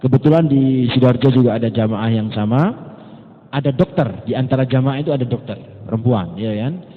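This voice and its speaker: A man with an East Javanese accent giving a religious study lecture as an Islamic teacher, telling stories lively and acting out the people he quotes. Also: mid-range voice, fairly quick. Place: lecture gathering indoors. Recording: tinny lo-fi recording in echoey hall.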